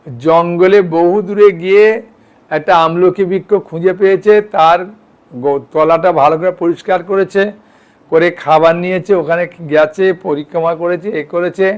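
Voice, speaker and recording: A man's voice: sits high, clear, resonant tone, dull audio. A man giving an informal devotional lecture, talking plainly and often checking in with his listeners. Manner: conversational, frequent "yes?" and "all right?" checks with listeners. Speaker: devotional teacher.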